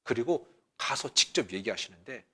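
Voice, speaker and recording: A man pastor preaching a Sunday sermon in a chatty way, dropping at times to a near whisper and rising to loud exhortation. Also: mid-range voice, animated, moderate pace, slightly rough.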